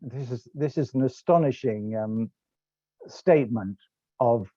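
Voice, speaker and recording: A middle-aged man with a British accent gives an online slide lecture in a conversational way, often breaking off to correct himself. His pitch sits in an ordinary middle range. The sound is dry and dull, like a computer microphone. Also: measured pace, mellow, no room sound. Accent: British English. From England. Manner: rambling, self-correcting, conversational. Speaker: lecturer and tour guide.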